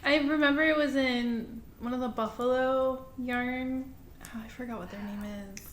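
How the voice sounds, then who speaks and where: A woman's voice: high-pitched, steady tone, normal speed. An American woman chatting casually as a podcast co-host. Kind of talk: casual chat. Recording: echoey room.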